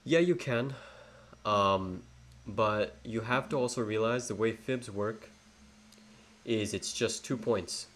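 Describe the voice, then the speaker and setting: This trading educator, a young man with an English accent, talks slowly in a lowish yet fairly bright voice. His live tutorial wanders, full of fillers and corrections of himself, with faint noise in the background.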